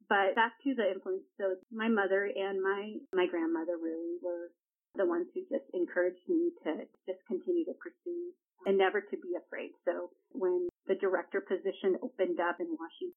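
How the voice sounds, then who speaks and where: A woman in her thirties, originally from El Salvador, talking earnestly and reflectively as an executive director in an interview, with frequent fillers. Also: on the low side. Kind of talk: conversational interview. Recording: tinny phone-like line.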